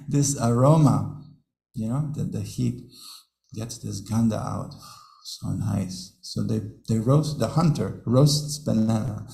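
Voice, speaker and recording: In a temple hall, a man gives a devotional scripture class, telling stories, chuckling often, and repeating his words. His voice is medium-pitched, creaky, and warm, captured in an echoey room with poor audio.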